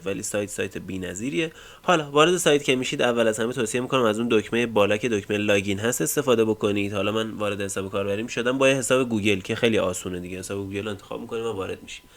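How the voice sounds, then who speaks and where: Low smooth-voiced man explaining software. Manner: casual explanatory, many fillers, trails off at line ends. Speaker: tech tutorial host. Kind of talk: screen-recorded software tutorial.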